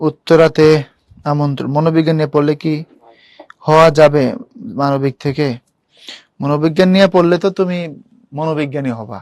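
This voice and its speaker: A man's voice: on the high side, steady tone, a little fast, long pauses, no echo, studio quality. A young man teaching an online admission class, talking casually and asking students questions. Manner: casual, chatty, addresses students directly, asks them questions. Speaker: university admission tutor.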